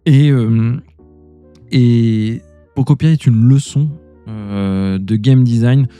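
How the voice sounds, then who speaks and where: A man hosts a podcast in a casual, conversational way. His tone is very soft and dark, at an average pitch. He feels his way through sentences with measured pauses. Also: smooth, faint music behind. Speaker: podcast host. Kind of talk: casual game review and chat.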